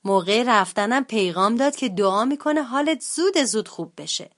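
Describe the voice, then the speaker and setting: A woman voicing a calm, kind father bear in a storybook. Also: on the high side.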